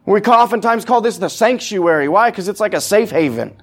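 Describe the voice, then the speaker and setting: Male pastor, casual sermon delivery, fairly high voice, acts out voices and asks the room questions. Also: lively intonation, brisk. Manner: conversational preaching, acts out quoted voices, asks the congregation questions. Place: church sanctuary.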